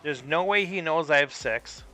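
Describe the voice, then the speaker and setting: A man's voice: a little high, normal speed, pushed and bright, faint music behind. A man streaming a card game live, thinking aloud and puzzling over his opponent's moves in casual commentary.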